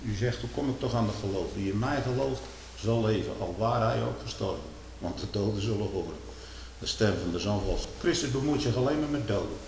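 A man preaching a sermon, swinging from hushed, low passages to loud, drawn-out declaiming and pleading questions. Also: vocal fry. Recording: echoey hall with faint hiss.

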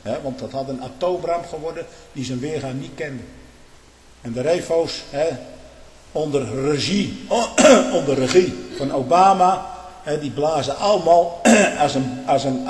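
Fiery preacher man in an echoey hall. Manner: fiery and emphatic, swings from loud outbursts to low muttering. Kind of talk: impassioned sermon-style monologue. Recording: echoey hall with long reverb.

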